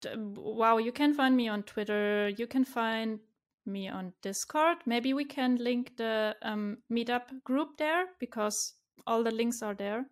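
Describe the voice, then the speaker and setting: Brief: German-accented woman guest, slightly high voice, cheerful, laughs easily, restarts sentences. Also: unhurried. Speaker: guest, community organizer. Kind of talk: casual interview chat.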